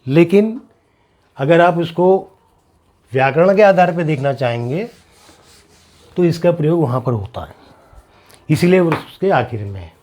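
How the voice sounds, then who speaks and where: A Hindi teacher gives a classroom lesson on pronunciation in a slightly high, animated and somewhat mellow voice. He goes slowly and deliberately, repeating syllables to demonstrate the sounds, explaining patiently and checking whether students understand.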